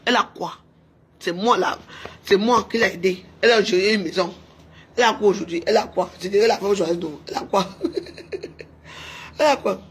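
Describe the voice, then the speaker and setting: A woman's voice: medium pitch, fast, a little hiss or hum. A woman, delivering a heated, taunting rant to her camera, repeating her jabs. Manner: heated, taunting, repetitive shouting. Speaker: social media personality. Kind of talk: angry insulting rant to camera.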